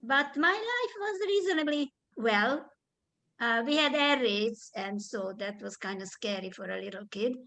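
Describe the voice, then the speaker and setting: Older woman from Hungary, slightly high voice, hesitant and halting survivor testimony on a video call. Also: fairly bright tone, rough recording. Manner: hesitant, with many fillers and throat clearing. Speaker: Holocaust survivor guest. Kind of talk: spoken testimony in conversation.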